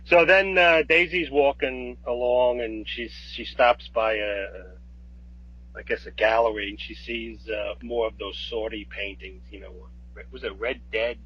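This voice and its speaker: Husky-voiced male co-host, mid pitch, walks through plot scene by scene, muffled lo-fi audio. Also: steady tone, unhurried. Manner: retells the plot step by step, hesitant. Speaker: podcast co-host. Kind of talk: casual film discussion. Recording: dull lo-fi podcast audio.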